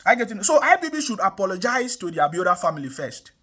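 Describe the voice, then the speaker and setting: A young Nigerian man from the South South, an online commentator, speaks fast in a high, very animated voice that is a bit bright. He pours out impassioned political commentary, emphatic and repetitive, asking rhetorical questions frequently.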